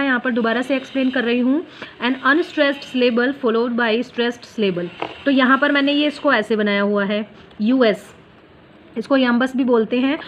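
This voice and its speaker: High-voiced woman teaching exam notes. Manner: explains term by term, repeats the key points, calls viewers friends. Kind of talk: exam-prep notes lesson.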